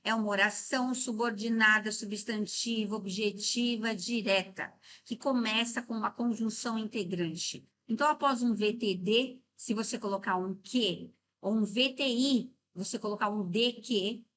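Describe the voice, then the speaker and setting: A middle-aged Brazilian woman teaching a Portuguese grammar lesson for exam prep. She explains step by step, often checks in with the class, and slows down to stress words syllable by syllable. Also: mid-range voice, a bit bright.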